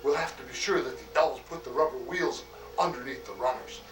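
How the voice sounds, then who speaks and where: A man's voice: mid-range voice, echoey room, recorded from a distance, over music, lightly acted. A man playing a chuckling, jolly Santa Claus. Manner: chuckling often, slow homely delivery with many "oh" and "why". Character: jolly old Santa Claus, hearty and fatherly. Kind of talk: acted monologue for a personalized greeting video.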